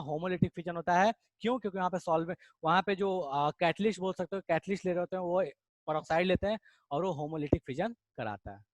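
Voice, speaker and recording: A man teaching an online chemistry revision class, talking quickly and casually and calling his students "beta". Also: high-pitched, no room sound. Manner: fast-talking, addresses students as beta, casual Hinglish asides.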